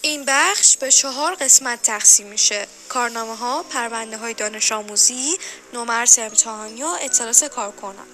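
An actress voicing a sharp, observant teenage schoolgirl who speaks in a calm, precise way. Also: on the high side, faint music behind.

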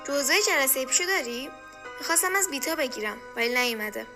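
A woman's voice: high voice, lively intonation, music in the background. A woman voicing a casual, offhand teenage schoolgirl.

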